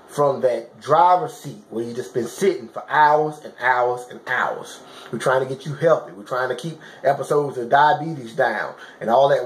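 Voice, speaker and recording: A man with a fairly high-pitched voice talks informally, like a vlogger coaching his viewers. He repeats his points for emphasis and keeps checking that he is understood. The sound is roomy, with clear echo. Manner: emphatic, repetitive coaching with frequent check-in questions; colloquial, informal phrasing. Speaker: fitness challenge vlogger giving advice. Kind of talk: casual motivational talk to camera.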